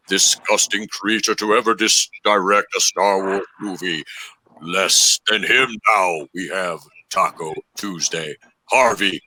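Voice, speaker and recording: A man putting on the voice of a pompous male villain who proclaims himself future ruler of Earth, in a grand, drawn-out speech. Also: on the low side, bright, forceful tone, voice pushed down, heavily acted, poor audio.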